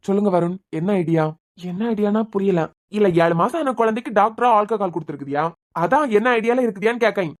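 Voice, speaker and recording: A woman's voice: mid-range voice, animated, a little fast, lightly acted. A woman with a Kanyakumari Tamil accent voicing a stern young male doctor who scolds and interrogates in a cartoon. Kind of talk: cartoon voice acting.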